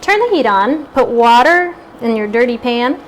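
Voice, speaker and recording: A woman's voice: a little high, expressive, normal speed, slight background noise. A woman hosting a live cooking demonstration, chatty and upbeat, sometimes stepping away from the mic. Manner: chatty, upbeat, eating while talking.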